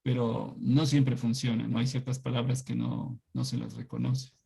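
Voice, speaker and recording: A man's voice: mid-range voice, little pitch movement, moderate pace, creaky, dark tone, breathy edge. A middle-aged man from Ecuador teaching an online class, telling anecdotes in a chatty way and often asking "¿no?".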